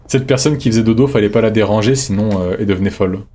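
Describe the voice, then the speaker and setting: A man streaming a game live, thinking aloud in a relaxed, reflective way as he chats with his viewers. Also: fairly low pitch, fast, slight background noise. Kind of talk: live gameplay commentary, chatting with viewers.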